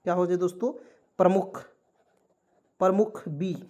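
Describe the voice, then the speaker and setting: A man's voice: high voice, steady tone, unhurried, dark tone. A man teaching English spelling in an online lesson, asking his listeners rhetorical questions and checking that they follow.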